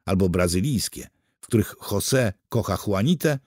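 A male audiobook narrator tells the story with lively, animated pitch. The recording is dry and close, with no room sound. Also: normal speed, breathy edge, no echo. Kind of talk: scripted narration.

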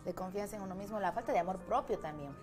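A woman's voice: mid-range voice, fast talker, music in the background. A woman talking casually as a guest on a television studio chat show.

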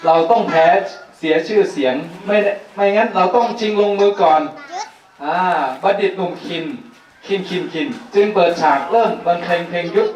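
A man's voice: high-pitched, lo-fi sound. A man telling a dramatic folk tale to kindergarten children, playful and laughing often as he checks on the children. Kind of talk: animated storytelling to children. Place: school room with children. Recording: echoey room, mic far off.

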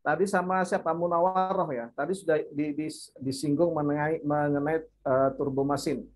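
A man lecturing over a video call, going through a list of parts slowly, with fillers and repeated words as he explains. His voice sits a little higher than most men's, and he sounds like a university lecturer teaching from home. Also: fairly even intonation. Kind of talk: online lecture. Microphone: computer mic on a video call.

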